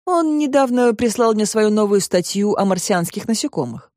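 A woman reader voicing a calm, curious father in an audiobook, asking quiet questions. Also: medium pitch, moderate pace, no room sound, studio quality, lightly acted. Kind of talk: audiobook reading.

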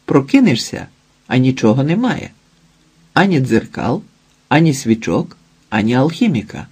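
A man's voice: medium pitch, big pitch swings, moderate pace, darkish tone, breathy edge. A man voicing a stubborn young red-haired woman, a witch who keeps insisting, in an audiobook. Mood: insistent. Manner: urgent, pushy.

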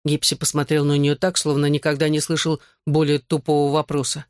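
An audiobook narrator reading a novel with even, measured narration. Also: mid-range voice, no echo, studio quality. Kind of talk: scripted narration.

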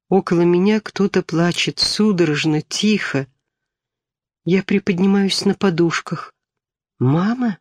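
A man's voice: fairly high pitch, dry recording, clean studio sound. Man reading a story aloud. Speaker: audiobook reader. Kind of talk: scripted narration.

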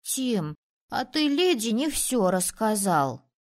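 A woman's voice: a little high, very animated, slow, heavily acted. Woman doing a worried ghost-fearing village boy. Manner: worried, insistent. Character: anxious village boy who believes in ghosts.

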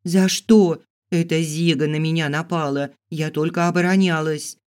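Guy doing a feisty young heroine, indignant, protesty, voice pushed up higher. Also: little pitch movement, normal speed, smooth, close to an everyday voice. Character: headstrong defiant young heroine.

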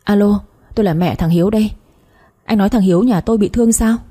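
Một người phụ nữ đọc truyện, nhập vai một bà mẹ nông thôn hoảng loạn, giọng khàn khàn, trầm tối, nói dồn dập như van xin. Giọng đọc truyện audio, lời người mẹ gấp gáp. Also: female voice, medium pitch, quick pace, mellow, natural voice. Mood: panicked. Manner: frantic, wailing pleas. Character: panicked middle-aged village mother.

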